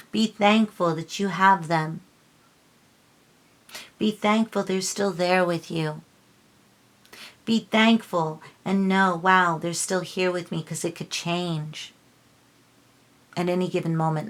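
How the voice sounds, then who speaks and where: A woman talks slowly through a tarot reading in a low-pitched voice. She is earnest and a little preachy, circling back over her words and restarting sentences. She sounds emotional, close to tears. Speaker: tarot reader. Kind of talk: casual tarot reading vlog.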